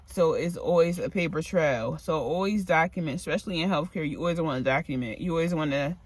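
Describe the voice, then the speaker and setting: A woman's voice: sits low, brisk, slightly rough. A woman vlogger who works as a medical assistant, chatting casually with advice, rambling from topic to topic and sounding tired and a bit out of breath. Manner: rambling, drifting between topics. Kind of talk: casual advice talk to camera.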